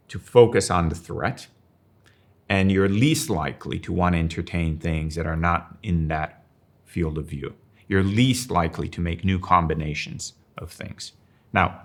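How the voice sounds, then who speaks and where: Speaking low with a slightly bright tone, a sixty-something man from Finland who was raised in Rome gives a reflective interview. A strategic designer and professor of practice, he lays out ideas thoughtfully and poses rhetorical questions.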